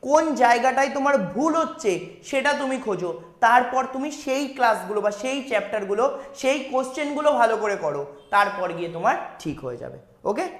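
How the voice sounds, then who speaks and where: A man's voice: extremely high pitch, expressive, fairly quick, a bit bright, roomy sound. A man with a West Bengal Bengali accent teaching a live online math class, repeating each step and checking in with students. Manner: repeats steps, asks students "ঠিক আছে?"; reads out student chat questions.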